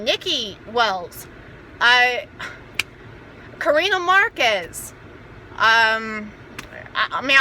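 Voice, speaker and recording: High, bright-voiced American woman. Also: slight background noise, low-quality recording. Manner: earnest, rambling, halting and repetitive. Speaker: amateur motivational speaker. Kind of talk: informal motivational video talk.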